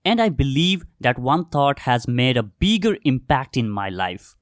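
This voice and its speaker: A man's voice: medium pitch, sing-song, unhurried, no echo, studio quality. A young man from Nepal, hosting his podcast in an earnest, scripted monologue that talks straight to the listeners. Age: young adult. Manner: earnest, addresses listeners directly as "guys". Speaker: podcast host.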